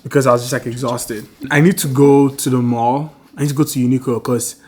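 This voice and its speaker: Young male vlogger, tired, rambling chatty delivery, mid-pitched, faint background noise. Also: steady tone, a little fast. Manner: chatty, storytelling, frequent "like". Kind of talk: casual vlog chat to camera.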